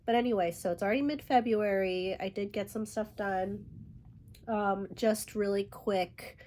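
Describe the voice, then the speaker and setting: A woman hosting a relaxed knitting vlog while fighting a head cold, her voice stuffed-up and nasal. She talks in an easygoing, rambling way, full of "um"s and "like"s, at a middle pitch. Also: measured pace, a little hiss or hum. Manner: rambling, lots of fillers and light laughs. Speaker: yarn dyer and podcast host. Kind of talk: casual chatty knitting vlog.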